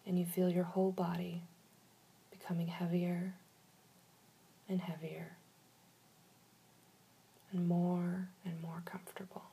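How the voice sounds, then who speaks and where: A woman guides a relaxation exercise in a low-pitched, very breathy voice with a mellow, gravelly edge. She gives slow, soothing instructions and leaves long pauses between them. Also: flat delivery.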